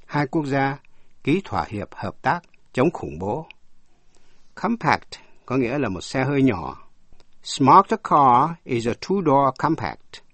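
A man giving a scripted vocabulary lesson, spelling words letter by letter and reading English examples slowly before explaining them. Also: medium pitch, a bit bright, breathy edge, no echo. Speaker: English teacher.

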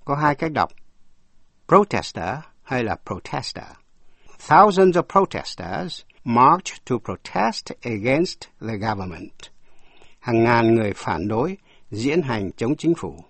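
A man giving a scripted vocabulary lesson, spelling words letter by letter and reading English examples slowly before explaining them. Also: medium pitch, big pitch swings, a bit bright, no room sound. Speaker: English teacher.

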